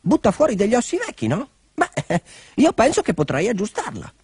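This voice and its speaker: A man's voice: high-pitched, huge pitch swings, normal speed, darkish tone, husky, pitched above the performer's own voice, heavily acted. A man doing a cheeky hungry dog. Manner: sly, hesitant, stammering excuses. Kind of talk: storybook character voice.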